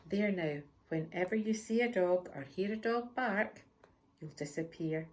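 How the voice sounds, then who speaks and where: A woman voicing an eager, kind young boy wizard in a storybook reading, bright and helpful. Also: lowish voice, a little slow, slight background noise, lightly acted.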